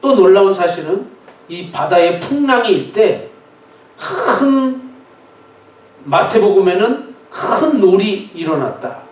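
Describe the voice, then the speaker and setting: A man's voice: high-pitched, sing-song, slow. A male pastor preaching a sermon, telling the story vividly and dramatically. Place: church sanctuary. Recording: echoey church hall, distant mic.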